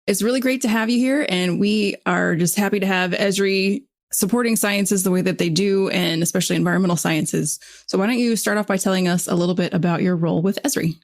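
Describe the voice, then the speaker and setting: This woman co-hosts a podcast, chatting and asking interview questions in a friendly, upbeat way. Her voice sits at a medium pitch, and she talks briskly with few pauses.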